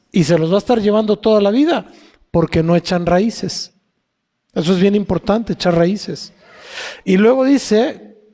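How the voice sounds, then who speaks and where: A man's voice: sits high, mellow. A man with a Mexican accent preaching a sermon in a conversational way, often asking the congregation questions. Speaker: pastor. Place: church hall. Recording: long church hall reverb.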